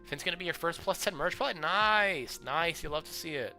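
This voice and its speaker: A young man streaming casual commentary on viewers' game builds, chatty and full of fillers, with excited outbursts. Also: fairly high pitch, normal speed. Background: faint background music.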